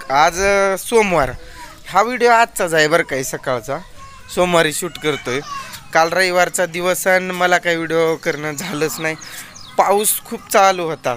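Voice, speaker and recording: A man's voice: fairly high pitch, fairly bright tone, slight background noise. Chatty man vlogging outdoors. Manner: chatty, points things out to viewers. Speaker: village vlogger. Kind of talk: casual vlog narration. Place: outdoors on a farm.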